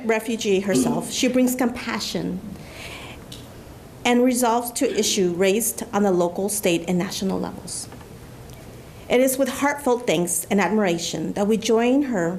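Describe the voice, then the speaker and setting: A woman's voice: mid-range voice, moderate pace, darkish tone, a little hiss or hum. A woman presenting an award, reading a formal citation at a podium with the odd stumble. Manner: reads formally, stumbles and laughs at slips. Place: government ceremony room.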